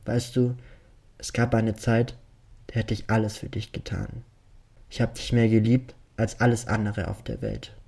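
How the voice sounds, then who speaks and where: Man doing a sneering young killer, low voice, impatient and taunting. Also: level tone, normal speed, vocal fry, darkish tone, husky. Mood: tender. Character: vengeful young man, cold and mocking.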